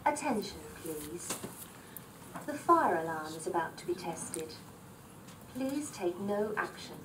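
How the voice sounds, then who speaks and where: A woman giving a formal, measured fire alarm announcement over a building's PA loudspeaker. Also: fairly low pitch, expressive, noisy background. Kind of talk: formal public address announcement. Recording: distant PA speaker heard from across a hearing room.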